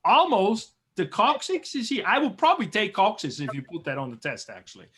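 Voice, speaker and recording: A man from Switzerland teaching a biology review class over a video call, chatty and encouraging, slowly repeating terms. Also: sits high, wildly swooping pitch, a bit bright, breathy edge.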